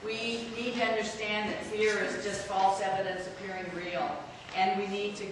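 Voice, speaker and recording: A woman's voice: mid-range voice, little pitch movement, normal speed. A woman in her fifties giving an earnest, rambling public speech with many fillers and restarts, introducing a guest. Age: 50s. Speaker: community speaker introducing a guest. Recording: echoey hall, far from the mic, noisy.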